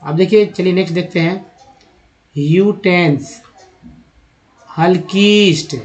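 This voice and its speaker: A man teaching English reading, sounding out words syllable by syllable and repeating each one. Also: a little high. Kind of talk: slow word-by-word reading lesson. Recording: dull lo-fi recording.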